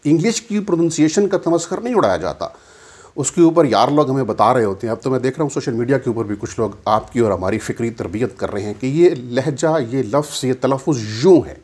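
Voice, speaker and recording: Husky-voiced man arguing his point. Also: medium pitch, expressive, a little mellow. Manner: argumentative, rhetorical questions, emphatic. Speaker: commentator. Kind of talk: opinion monologue.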